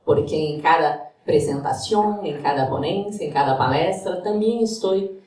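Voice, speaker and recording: Careful and searching for words in a second language, a Brazilian guest lecturer, native in Portuguese, gives a partly read-aloud academic lecture with a Brazilian Portuguese accent. Her voice is low-pitched, a little slow and a little mellow. She is captured from a distance in an echoey university lecture hall.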